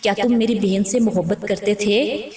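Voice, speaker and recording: A woman's voice: mid-range voice, steady tone, warm tone, natural voice. Grieving, furious young woman , read plainly by a female narrator; accusing delivery, distant and echoey. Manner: harsh, accusing. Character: grieving angry young woman seeking truth. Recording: roomy distant mic.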